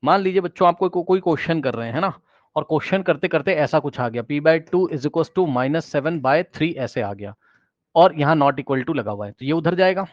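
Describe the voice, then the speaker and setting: High-voiced man teaching a math class. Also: expressive, moderate pace, dry recording, highs cut off. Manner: addresses students directly, asks questions, repeats key phrases; mixes English math phrases into Hindi explanation.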